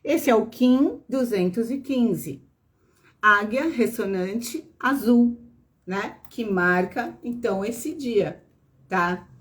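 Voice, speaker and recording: Brief: Brazilian woman, tarot teacher on a live stream, unhurried and fairly high-voiced, explains step by step. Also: lively intonation. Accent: Brazilian Portuguese. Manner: patient explaining, tags lines with "né?"; greets viewers by name.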